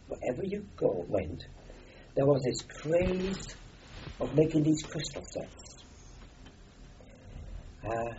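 An older man from Austria, a native German speaker, tells a rambling oral-history story as an interviewee, full of fillers and restarts. His mid-range voice has a warm tone, and the dull lo-fi recording carries a little hiss or hum.

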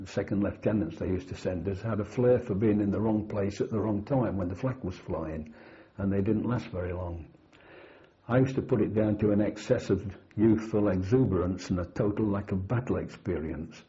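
In a dull, lo-fi oral history recording, a former British platoon sergeant, now an old man, looks back on his time at war. He speaks with a deep, warm voice, calmly and plainly, with a dry knack for understatement.

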